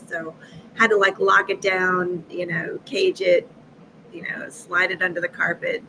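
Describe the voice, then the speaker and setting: A woman in her fifties from Massachusetts, a guest on a live video chat, telling stories with lively acted-out dialogue and frequent laughter. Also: lowish voice, background noise. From Massachusetts, USA. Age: 50s. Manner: lively, acts out quoted dialogue, laughs often. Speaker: guest, energy healer. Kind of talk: animated storytelling in a live chat.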